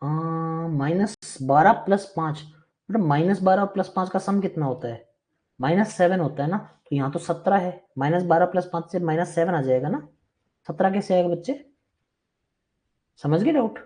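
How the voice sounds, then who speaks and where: A man's voice: sits high, animated, moderate pace, a little mellow. A man teaching a live online maths class, chatty and reassuring but firm with students who interrupt.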